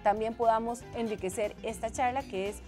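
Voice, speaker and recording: A woman's voice: fairly high pitch, steady tone, normal speed, dark tone, faint music behind. A woman hosting a call-in talk show, announcing the number and welcoming callers. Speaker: program host.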